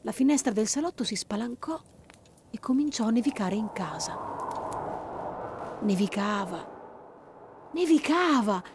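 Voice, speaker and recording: A woman reading a children's story aloud, lively and expressive. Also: a little high, moderate pace, vocal fry, a little hiss or hum.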